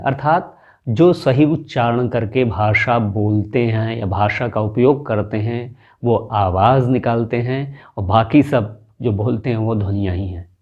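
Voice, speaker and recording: A man teaching a spoken lesson, explaining slowly and deliberately and stretching out example words. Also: mid-range voice, darkish tone, highs cut off.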